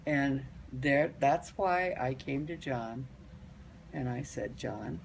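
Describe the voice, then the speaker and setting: An elderly woman, a grandmother, casually telling family stories in a halting, rambling way and repeating phrases for emphasis. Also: very deep voice, creaky, a little hiss or hum, poor audio. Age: older, grandmother.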